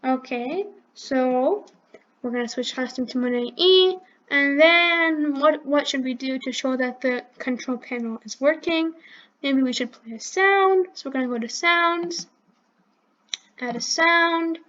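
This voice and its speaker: A woman hosts a coding tutorial and explains each click as she goes. She talks unhurriedly in a high voice and often stops to correct herself. The recording sounds a little dull and lo-fi. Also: a little slow, fairly bright tone. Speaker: channel host teaching coding.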